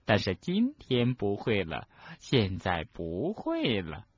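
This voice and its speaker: A man voicing a cruel middle-aged witch official in an audiobook, speaking slowly, softly and with menace in a husky voice. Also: lowish voice, huge pitch swings, no echo, muffled recording, exaggerated voice. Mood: gloating. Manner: slow, soft and menacing. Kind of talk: audiobook character reading.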